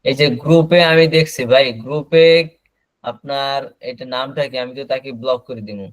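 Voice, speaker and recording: A man teaching an online class, explaining slowly and repeating words over a video call. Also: mid-range voice, fairly even intonation, dry recording, rough recording. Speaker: English teacher.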